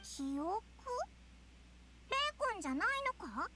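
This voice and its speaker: A woman voicing a tiny, excitable, childlike flying fairy companion in an anime-style game, with blunt, squeaky speech. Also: takes it slowly, background noise, full character voice. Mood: puzzled, curious.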